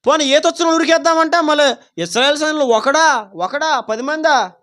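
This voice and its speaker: A man with a very high-pitched, bright, forceful voice speaks at normal speed, preaching a Sunday worship sermon as a pastor during a church service. He speaks fervently, poses many rhetorical questions to the congregation, and dramatically acts out quoted pleas.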